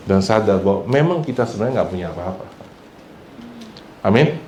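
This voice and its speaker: A man's voice: lowish voice, animated, a little fast, roomy sound, a little hiss or hum, low-quality recording. A pastor preaching a sermon who mixes English phrases into his talk, asks his congregation for responses and acts out the people he quotes. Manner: acts out quoted people, sometimes loud and shouting. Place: church hall.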